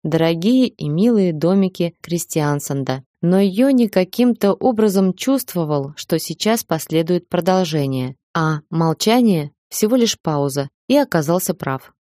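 Low, mellow woman reading an audiobook. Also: expressive, measured pace, hardly any pauses, no echo, studio quality. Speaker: audiobook reader. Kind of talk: audiobook narration.

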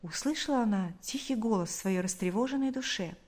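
A woman reading a novel aloud as an audiobook narrator, in measured, deliberate storytelling. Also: medium pitch, expressive, darkish tone. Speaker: audiobook reader. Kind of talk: scripted narration.

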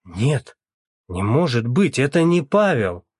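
A man's voice: mid-range voice, measured pace, no echo, clean studio sound, voice pushed up, lightly acted. A man reading the part of a worried middle-aged mother, anxious and pleading.

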